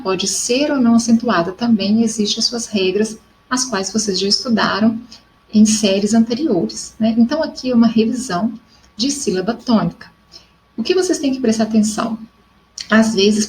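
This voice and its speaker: A woman's voice: medium pitch, darkish tone, a little hiss or hum, rough recording. A woman from Brazil teaching a recorded grammar lesson, explaining step by step and often checking in with her students.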